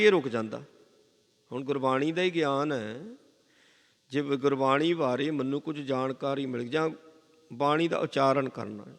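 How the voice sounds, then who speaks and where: Gravelly Punjabi preacher in a reverberant hall. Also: male voice, fairly high pitch, fairly bright tone. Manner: explains scripture with repeated phrases and chanted quotations. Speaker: Sikh preacher giving katha. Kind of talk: sermon. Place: gurdwara hall.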